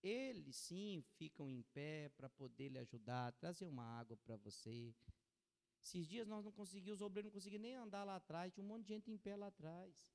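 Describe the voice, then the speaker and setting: A man preaching a sermon as pastor, swinging from soft warnings to loud exclamations. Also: high-pitched, expressive, fairly quick, creaky. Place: church hall with long reverb. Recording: church sermon with long hall reverb.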